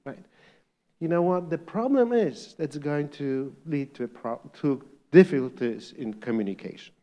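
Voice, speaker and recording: Middle-aged Polish-accented man, higher voice. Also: moderate pace, mellow. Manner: engaging, asks audience questions, chuckles often. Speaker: panel moderator and psychiatrist. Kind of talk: live panel talk to an audience.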